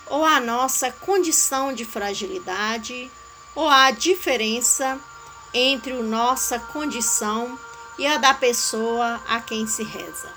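A woman giving a calm, measured devotional teaching on a way of praying. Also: on the high side, slight background noise, rough recording. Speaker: spiritual guide.

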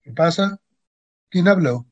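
A middle-aged Argentine man with a husky, fairly high voice, acting in a comedy sketch. He stammers and frets in slow, halting bursts, with a lively up-and-down pitch. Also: muffled recording. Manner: flustered, stammering, panicky. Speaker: sketch character, supposed astronaut.

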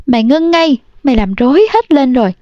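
A vain, haughty young farm wife from a storybook, as a woman reader plays her. She speaks high and scornfully. The sound is dull and dry. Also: animated, measured pace, mellow, dry recording. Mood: shrill. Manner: haughty, then shrill.

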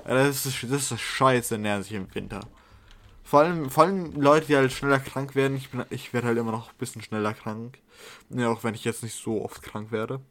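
A man's voice: mid-range voice, brisk, a bit bright. A young man in casual chat with friends, rambling with fillers, slang and swearing.

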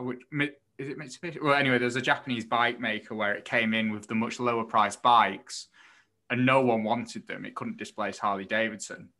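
A man's voice: mid-range voice, pushed and bright. A man co-hosting a podcast, explaining things in casual, somewhat tentative conversation. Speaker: podcast co-host reviewing a book.

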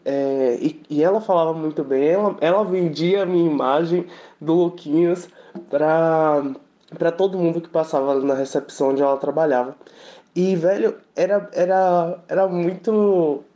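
A man hosting a casual podcast, talking in an emotional, halting way with frequent restarts. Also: fairly high pitch, warm tone. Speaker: podcast host. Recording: dull lo-fi audio.

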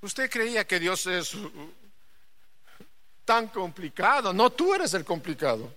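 A woman preaching a sermon to a congregation, dropping to a hush and then rising to loud, emphatic calls, and asking the listeners to repeat her phrases. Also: mid-range voice, sing-song, slow.

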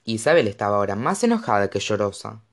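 Expressive male audiobook narrator. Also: lowish voice, quick pace. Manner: dramatic, expressive. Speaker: audiobook reader.

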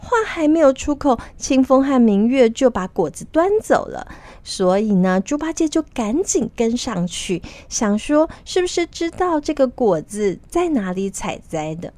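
A woman reads a children's story aloud with lively expression, her voice rising and falling a great deal. Her pitch sits a little high, and the recording is dry and close. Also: measured pace, no room sound. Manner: animated, expressive.

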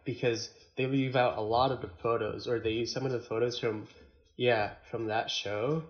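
A man chatting casually on a podcast in a laid-back, slangy way, often halting and repeating words. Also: mid-range voice, fairly even intonation, highs cut off. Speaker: podcast co-host or guest. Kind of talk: casual chat.

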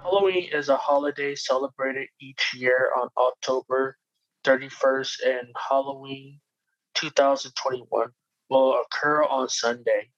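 A man's voice: mid-range voice, steady tone, a little slow, a bit bright, dry recording. A man presenting history facts in a scripted informational reading. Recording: dry, dull lo-fi microphone.

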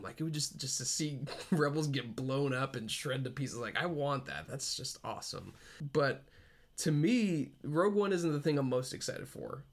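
Excitable rambling male podcaster. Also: mid-range voice. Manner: excitable, rambling, laughs often. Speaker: podcast co-host. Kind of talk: casual fan chat.

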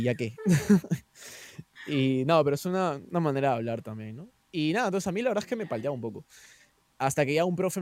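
A man's voice: mid-range voice, darkish tone. A young man with a Peruvian Spanish accent, a guest telling stories in a casual chat, full of fillers and tag questions. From Peru.

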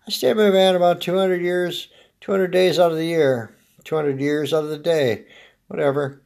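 An American man in his fifties with a gravelly smoker's rasp, giving a casual, rambling comedic monologue as a podcast host, dry and laid-back. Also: fairly high pitch, fairly even intonation, normal speed, a little mellow. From Oregon, United States.

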